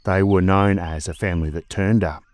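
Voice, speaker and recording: Very deep-voiced Australian man telling a story. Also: steady tone, moderate pace, dry recording. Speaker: podcast host and storyteller. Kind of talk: scripted true-mystery narration.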